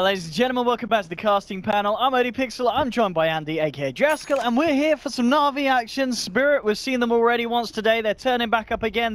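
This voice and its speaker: A man casting an esports match, giving quick play-by-play calls of the action. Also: high-pitched, a bit bright. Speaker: esports caster. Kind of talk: play-by-play commentary.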